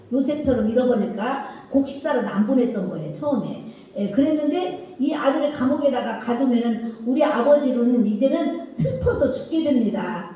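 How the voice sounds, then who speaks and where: A woman preaching to children, retelling a scripture story in an animated way. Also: high voice. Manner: animated retelling with acted quotes. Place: church hall. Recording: echoey hall from far off.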